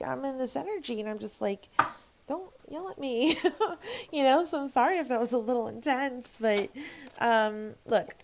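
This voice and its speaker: A woman's voice: a little high, creaky, slight background noise, poor audio. A woman giving a casual tarot reading to camera, frank and emphatic, swearing freely and rambling with restarts. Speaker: tarot reader.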